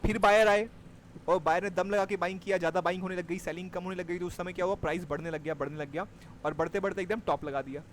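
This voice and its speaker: A man's voice: sits high, steady tone, quick pace, slight background noise. A man teaching a live class on trading, explaining step by step and checking that his students follow. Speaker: stock market trading teacher.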